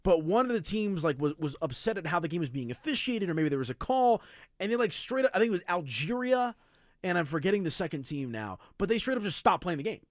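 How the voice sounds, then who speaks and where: A man hosting a sports talk radio show, debating with animated asides and throwing to a break. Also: sits high, fast talker, no room sound, clean studio sound. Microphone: studio microphone.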